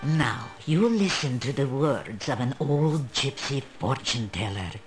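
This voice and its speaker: Old female fortune teller, video game character, slow solemn delivery, sweeping intonation, mysterious, proud. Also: very deep voice, animated, music in the background.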